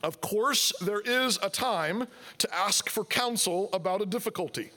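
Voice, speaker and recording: A man preaching a sermon with a high voice for a man. His tone is bright and forceful. He talks conversationally, asking questions and voicing objections from his listeners. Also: unhurried. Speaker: pastor.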